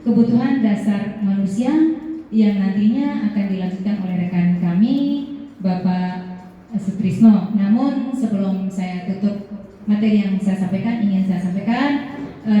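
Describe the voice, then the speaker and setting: A woman's voice: medium pitch, dark tone. A woman teacher giving an earnest explanatory presentation to fellow teachers. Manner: earnest, explanatory, addresses audience as Bapak Ibu. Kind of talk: classroom presentation. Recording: roomy hall, voice from far off, dull sound.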